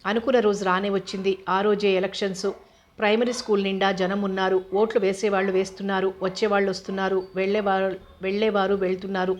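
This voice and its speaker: A woman narrating a novel in a steady, even reading voice. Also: medium pitch, fast talker.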